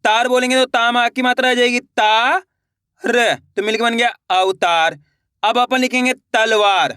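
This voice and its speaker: A man's voice: extremely high pitch, steady tone, unhurried, pushed and bright, clear, resonant tone, no room sound, studio quality. A young man teaching children to write Hindi words, sounding each word out syllable by syllable and asking the class to repeat it back. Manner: repetitive call-and-response drilling, sounding words out syllable by syllable. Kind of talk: children's spelling lesson.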